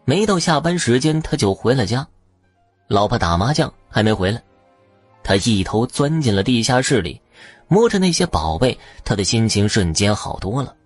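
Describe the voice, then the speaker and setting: A man narrating an audio story in an expressive, dramatic way. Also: mid-range voice, moderate pace, husky, no echo, faint music behind.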